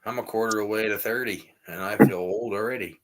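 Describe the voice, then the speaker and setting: A man in his early twenties chatting casually, relaxed and swearing freely. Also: lowish voice, fairly quick, heavy background noise. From Pennsylvania. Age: 20s. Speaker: chat participant. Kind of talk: casual chat.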